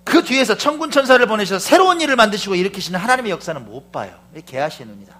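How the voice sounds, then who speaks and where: High, animated male preacher. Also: racing. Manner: fervent, swings from hushed asides to shouted proclamations, questions the congregation. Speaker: pastor. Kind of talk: sermon.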